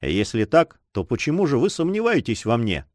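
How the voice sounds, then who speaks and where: A man's voice: medium pitch, huge pitch swings, moderate pace, no echo, clean studio sound, voice pushed down. A man reading an earnest young nobleman in love in an audiobook, tender and agitated. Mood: ardent.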